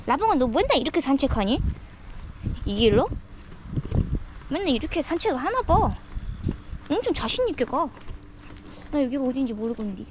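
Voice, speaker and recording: A woman's voice: sits high, big pitch swings, normal speed, long pauses, noisy background. A woman talking to herself and to a dog in a casual monologue while walking it outdoors, with mock-scared squeals now and then. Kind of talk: casual self-talk monologue. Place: outdoors on a rural seaside road.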